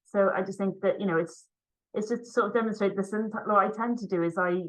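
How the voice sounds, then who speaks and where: Over a rough recording, this physiotherapist and para rower from Cardiff presents at a conference via video call. She talks fast at a medium pitch, with a slight Welsh accent and a casual style full of ums.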